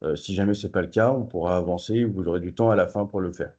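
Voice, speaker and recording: Male event host, medium pitch, dark relaxed tone, muffled lo-fi sound. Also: fast. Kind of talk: moderating a presentation. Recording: dull, lo-fi audio.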